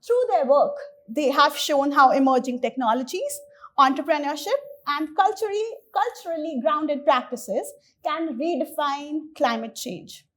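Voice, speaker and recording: A woman moderating a panel discussion, measured and formal, with some fillers. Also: high voice, fairly bright tone.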